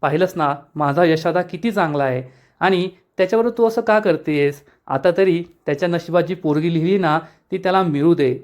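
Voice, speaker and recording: Guy reading a sweet loyal younger brother praying, high pitched. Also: moderate pace, a little mellow, natural voice. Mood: earnest. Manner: earnest, prayerful.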